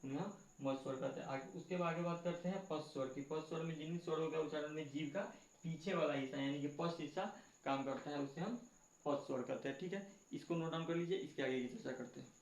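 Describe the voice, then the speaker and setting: A man's voice: fairly high pitch, fast. A man teaching a grammar lesson, asking the class questions and answering them himself, going back over each point. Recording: echoey room, dull lo-fi sound.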